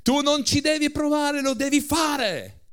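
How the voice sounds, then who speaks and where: A man doing a huge, stern former agent who booms orders. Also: fairly even intonation, unhurried, creaky. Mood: shouting. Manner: shouting, commanding.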